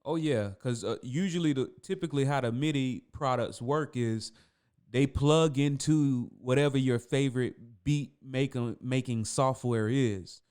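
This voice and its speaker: A man's voice: medium pitch, measured pace, darkish tone, clean tone. A man hosting a podcast, chatting casually with his guest and often repeating words as he restarts. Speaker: podcast host. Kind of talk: casual interview chat.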